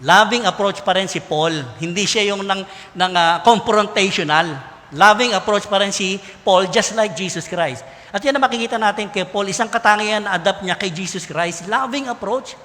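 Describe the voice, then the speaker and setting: A man with a Filipino accent preaching a sermon in a lively, conversational way, mixing in English. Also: sits high, normal speed. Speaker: pastor. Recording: long hall reverb.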